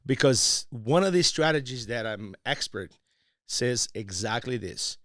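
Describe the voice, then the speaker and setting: A Brazilian-accented man speaks as a guest on a casual podcast. His voice sits at an ordinary middle pitch. He moves between playful teasing and earnest pitching. The sound is dry and close. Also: expressive, unhurried, fairly bright tone, dry recording. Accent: Brazilian Portuguese. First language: Portuguese.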